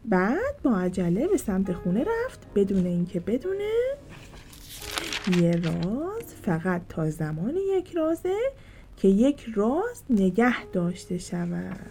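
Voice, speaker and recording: A woman storyteller reading a children's storybook aloud in a gentle, expressive, sing-song way. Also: medium pitch, soft background music.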